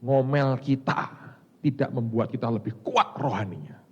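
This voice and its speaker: A male pastor with a Javanese accent from Semarang, preaching a sermon in a lively storytelling manner, jumping from loud exclamations to hushed lines. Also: medium pitch, moderate pace, slightly rough. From Semarang, Indonesia. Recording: dull sound in a reverberant hall.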